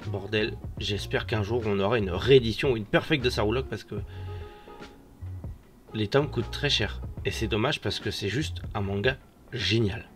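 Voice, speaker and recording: A man's voice: on the low side, normal speed. A man with a pronounced lisp and slightly labored articulation from a sore, swollen mouth, casually commenting on news for online viewers in an informal, slangy, opinionated way. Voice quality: pronounced lisp, slushy s sounds. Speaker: host of a manga and anime news show. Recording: music behind the voice. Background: background music.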